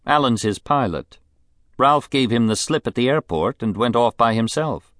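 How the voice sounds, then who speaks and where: A man reading a novel aloud, voicing a middle-aged rich woman with a clear voice and a bitter, mocking edge. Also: medium pitch, animated, normal speed, fairly bright tone, no echo, clean studio sound, pitched above the performer's own voice, natural voice. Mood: brisk. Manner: languid, mocking, contemptuous. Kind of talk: audiobook character voice.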